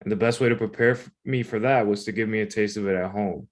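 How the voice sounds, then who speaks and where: A man's voice: on the low side, steady tone, fast. A man reading his own personal essay aloud in a conversational, informal way. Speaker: writer reading own submission.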